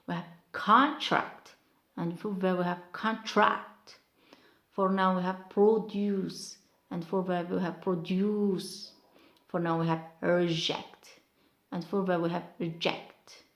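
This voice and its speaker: A woman whose first language is Arabic, teaching an English lesson and reading out word lists one by one, stressing each word deliberately. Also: lowish voice, monotone, reverberant. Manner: slow, deliberate, stressing single words in drilled lists. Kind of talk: recorded grammar lesson.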